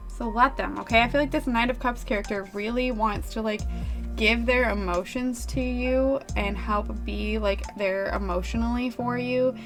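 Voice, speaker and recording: A woman with a voice pitched a little high talks through tarot readings in a loose, chatty way, swearing casually as she goes. It's a relaxed live-stream style. Soft music plays faintly in the background. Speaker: tarot reader.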